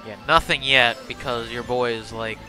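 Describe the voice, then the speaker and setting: A young man hosting a casual gaming stream with friends, given to loud sudden outbursts while racing. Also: mid-range voice, fairly even intonation, moderate pace, soft background music. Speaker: streamer host.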